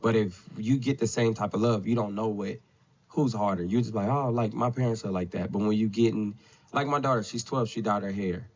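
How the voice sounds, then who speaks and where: A man in his thirties with a somewhat low voice, sitting as a podcast guest. He talks in a loose, rambling way and keeps adding filler checks. The sound is dull and lo-fi. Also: a little fast, a little mellow. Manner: loose and rambling, with frequent "you know what I'm saying". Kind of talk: casual conversation.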